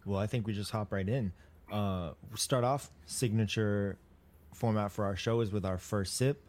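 Deep-voiced male podcast host. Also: steady tone, moderate pace, darkish tone. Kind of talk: casual sports podcast chat.

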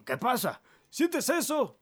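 A man voicing a jittery old farmer who panics, shrill and stammering. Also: huge pitch swings, slow pace, a bit bright, full character voice. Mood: alarmed.

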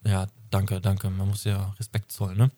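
A man's voice: deep voice, completely flat delivery, normal speed, warm tone. A man in his twenties co-hosting a podcast, chatting casually, rambling and correcting himself, often breaking into laughter. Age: 20s. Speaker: podcast co-host. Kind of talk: casual chat.

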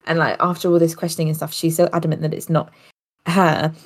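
A woman co-hosting a casual chat show, retelling a story with lively energy and frequent laughter. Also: deep voice, fast talker. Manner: animated storytelling, laughing often. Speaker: podcast co-host.

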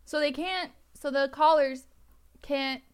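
High, slow-talking woman recapping a story. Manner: giggly, rambling, loses her place often. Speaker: podcast co-host recapping a book. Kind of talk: casual chat. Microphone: own microphone.

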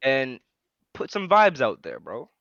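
A man's voice: mid-range voice, huge pitch swings, unhurried, a bit bright, dry recording. A young man from Sudan hosting a casual podcast, bossy and joking as he talks over his friends. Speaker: podcast host. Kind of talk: casual chat. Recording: dull dry online call audio.

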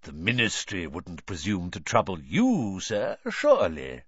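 A man voicing an oily, obsequious shopkeeper who talks slowly. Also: sits low, wildly swooping pitch, slightly rough, no room sound, muffled recording, full character voice. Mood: fawning. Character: oily, fawning shopkeeper of dark objects.

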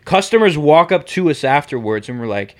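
Lively young man telling a story. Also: on the high side, fairly quick. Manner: animated, swears a lot, says bro and like. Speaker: podcast host. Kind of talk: casual podcast storytelling.

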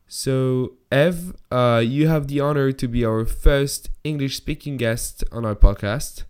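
Smooth, mellow male podcast host. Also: mid-range voice, measured pace. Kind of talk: podcast introduction.

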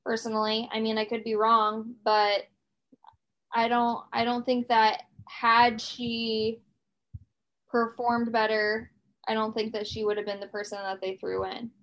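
A woman's voice: fairly high pitch, monotone, unhurried, fairly bright tone, low-quality recording. A woman in her thirties co-hosting a podcast, chatting casually and rambling with plenty of fillers and restarts. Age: 30s. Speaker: podcast co-host. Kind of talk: casual chat.

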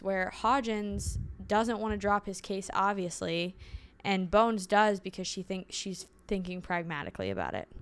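A woman's voice: mid-range voice, clean tone. A woman co-hosting a casual recap chat, rambling and correcting herself as she goes. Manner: rambling, self-correcting, quick asides. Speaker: podcast co-host.

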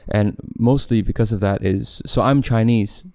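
A man's voice: lowish voice, normal speed, warm tone. A young man from Malaysia hosting his own podcast, rambling casually, correcting himself and laughing often. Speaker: podcast host. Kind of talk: casual solo podcast chat. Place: home room, camera set back.

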